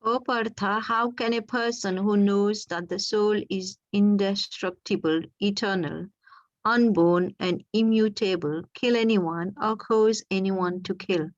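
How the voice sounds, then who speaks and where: A woman's voice: medium pitch, steady tone, unhurried, dry recording. Mauritian-accented woman, dry, slightly dull sound. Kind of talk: measured reading aloud of scripture translation. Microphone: laptop on an online call.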